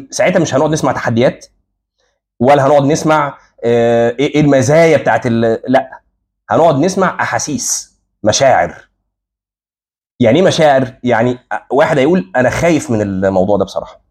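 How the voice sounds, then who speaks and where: An Egyptian man delivers an informal lecture in a rapid, slightly husky voice. He speaks straight to his listeners and slips into the voices of the people he quotes. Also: mid-range voice, a little mellow. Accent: Egyptian Arabic. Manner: conversational, addresses audience directly, acts out quoted speakers. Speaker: religious lecturer.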